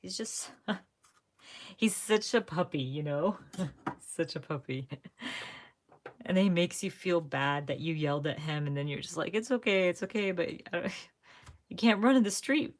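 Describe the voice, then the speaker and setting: A woman's voice: sits low, animated, a little slow, pauses often. A young woman hosting a live crafting stream, chatting casually and rambling to her viewers, often correcting herself mid-sentence. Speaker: crafting livestream host.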